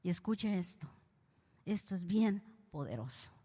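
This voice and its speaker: A woman's voice: on the low side, expressive, measured pace, dark tone, breathy edge. Female preacher, heartfelt testimony, long hall echo on the voice. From Guatemala. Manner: emotional, addresses listeners directly. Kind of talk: testimony sermon. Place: church hall.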